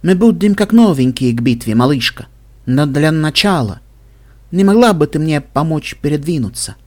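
A man voicing a wounded female zebra alchemist who speaks slowly and soothingly. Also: fairly high pitch, animated, a little mellow. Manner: slow, soothing.

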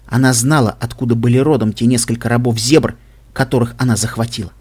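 A man's voice: medium pitch, fairly even intonation, quick pace, darkish tone, breathy edge. Man reading an audiobook evenly. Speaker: audiobook reader. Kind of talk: scripted narration.

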